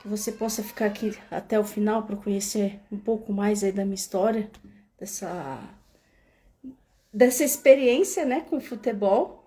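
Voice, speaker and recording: A young livestream host from São Paulo talks at normal speed in a mellow, medium-pitched voice with a Brazilian accent. Sitting at home in Spain in front of a webcam or phone camera, she tells her story casually, with frequent restarts and fillers.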